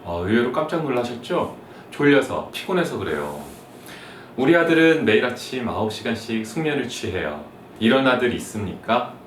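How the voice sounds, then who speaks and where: A man's voice: mid-range voice, big pitch swings, normal speed, a little hiss or hum. A young man giving a comic monologue for mothers, playfully acting out whiny sons and nagging moms. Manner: playful, mimics whiny son and nagging mom in sudden jumps. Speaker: comedic explainer for mothers. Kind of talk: comic monologue with acted-out scenes. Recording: roomy, slightly distant mic with faint ambience.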